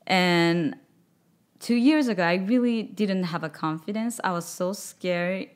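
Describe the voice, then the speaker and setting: Speaking English with a Japanese accent, this guest singer in her thirties is soft-spoken and halting, frequently searching for words in a casual interview. Her voice sits on the low side. A boom-arm studio microphone captures her in a studio whose wall is covered in records.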